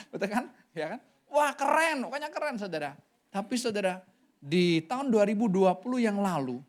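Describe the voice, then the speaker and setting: A man preaching a sermon in an animated storytelling way. His pitch leaps up and drops suddenly as he tells the story. He keeps turning to address the congregation directly. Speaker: pastor.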